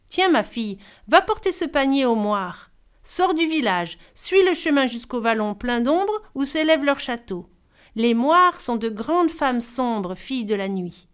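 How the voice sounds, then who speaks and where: A woman voicing a kind old village widow who speaks gently and reassuringly, clear-toned and a little high. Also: sing-song, unhurried. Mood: advising.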